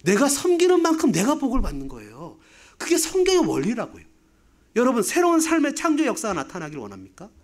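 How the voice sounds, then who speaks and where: A man's voice: extremely high pitch, wildly swooping pitch, a little fast. A man in his fifties, a pastor, preaching a sermon with rhetorical questions and humorous asides. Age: 50s.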